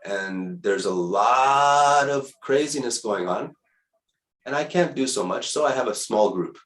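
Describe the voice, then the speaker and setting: A man in his fifties giving a casual spiritual monologue as a teacher, unhurried and reflective, repeating words for emphasis. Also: medium pitch, lively intonation, a bit bright. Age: 50s. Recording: echoey room.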